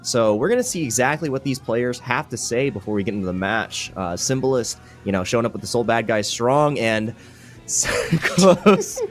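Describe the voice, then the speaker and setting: A man calls a fighting game tournament with a loose, joking delivery and frequent laughs. His voice sits at an ordinary middle pitch. Faint music plays behind him. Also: moderate pace. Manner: laughs often, jokey and excitable. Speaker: esports commentator. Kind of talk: tournament commentary.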